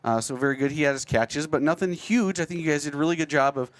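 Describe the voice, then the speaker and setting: Chatty sports broadcaster. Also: male voice, a little high, fast, dry recording. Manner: chatty, stat-driven. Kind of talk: postgame analysis.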